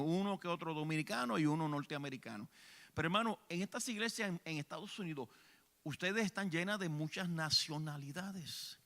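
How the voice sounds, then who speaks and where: A man with a Puerto Rican accent preaching a church sermon, swinging between hushed lines and shouted ones. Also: a little high. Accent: Puerto Rican Spanish. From Puerto Rico. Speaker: evangelist preacher. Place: church sanctuary.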